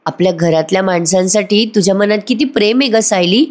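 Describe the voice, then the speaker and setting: A woman's voice: mid-range voice, brisk, darkish tone, close to an everyday voice. A woman voicing a concerned young husband who questions and defends himself.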